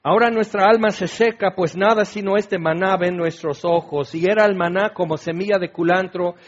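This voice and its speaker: A male preacher with a high voice who talks through his sermon casually and drops joking asides to the listener. The recording is dull and lo-fi, with the top end muffled.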